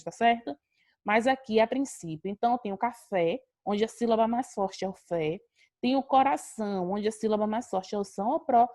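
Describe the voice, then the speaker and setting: A woman's voice: medium pitch, warm tone, no echo. A woman teacher, explaining a lesson to students on a video call, talking to them directly. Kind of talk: online class lesson.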